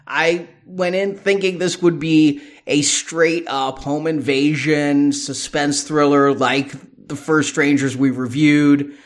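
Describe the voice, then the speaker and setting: A man's voice: fairly high pitch, fairly bright tone. A man co-hosting a podcast, presenting and discussing films conversationally. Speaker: podcast co-host. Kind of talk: film review presentation and chat.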